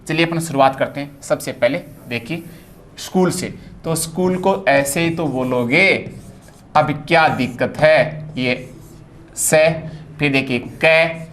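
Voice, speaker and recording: A man's voice: on the high side, fairly bright tone, a little hiss or hum. Hindi-accented male teacher explaining phonetics. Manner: explanatory, repeats "dekhiye" often. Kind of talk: exam-prep phonetics lesson.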